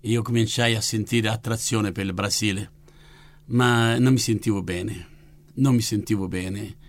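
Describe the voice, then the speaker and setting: An older man from Italy, a missionary and orphanage founder, telling his faith testimony as a fervent, lively storyteller. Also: on the low side, measured pace.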